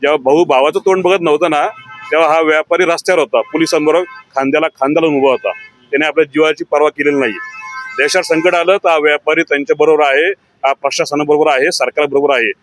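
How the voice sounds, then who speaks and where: Brisk, speechy businessman in an interview. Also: on the high side, fairly even intonation, no echo, faint music behind. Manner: speechy, declamatory. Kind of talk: street interview.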